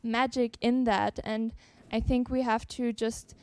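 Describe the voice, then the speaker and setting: Young Swiss woman, smooth even voice. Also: on the high side, measured pace, dry recording. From Switzerland. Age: young adult. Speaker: panelist. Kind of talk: personal statement on a panel.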